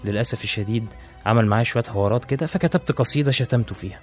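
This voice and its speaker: A man's voice: mid-range voice, racing, soft background music, close to an everyday voice. A man voicing a polite, bewildered poet who speaks modestly and hesitantly with an Egyptian accent. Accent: Egyptian Arabic. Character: pre-Islamic male poet, polite, bewildered.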